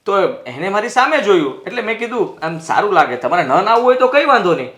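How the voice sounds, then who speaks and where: A man plays a husband caught in a row with his wife, keeping up his excuses and snapping at her. His voice sits high and rings with the echo of a roomy space. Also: sing-song, quick pace. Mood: pleading. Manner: pleading then shouting in anger. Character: defensive husband, quick to anger. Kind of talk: Gujarati short-film family drama acting.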